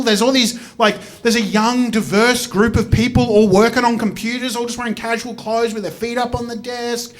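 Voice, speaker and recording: A man's voice: very high voice, a bit bright. A man in his thirties with an Australian accent, telling a rambling, self-deprecating stand-up story and swearing freely on stage. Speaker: stand-up comedian. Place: comedy stage before a live audience.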